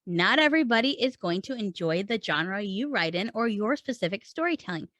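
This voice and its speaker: On a clean-sounding studio recording with a dry quality, a woman coaches writers on her podcast. Her mid-range voice is animated, brisk, and a bit bright. Her conversational, instructional delivery is emphatic and rhetorical, with questions and points aimed right at the listener.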